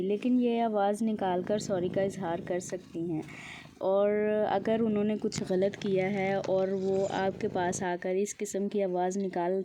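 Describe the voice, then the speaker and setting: A woman calmly explaining pet behavior in a voice-over, mixing English words into her speech. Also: medium pitch, background noise. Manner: calm explaining, mixes English words into Urdu. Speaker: pet video host.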